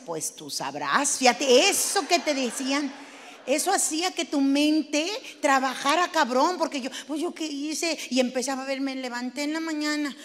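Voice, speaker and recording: A woman's voice: sits high, fairly bright tone. A middle-aged woman with a Mexican accent performing a stand-up comedy routine, telling crude, brash stories. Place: stage before a live audience. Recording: live venue with long reverb, faint noise.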